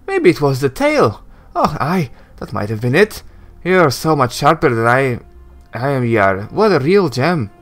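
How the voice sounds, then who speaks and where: A man voicing a sharp-tongued young tiefling woman in a game, mocking and teasing as he reads her lines. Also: medium pitch, lively intonation, normal speed, faint music behind. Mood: sarcastic.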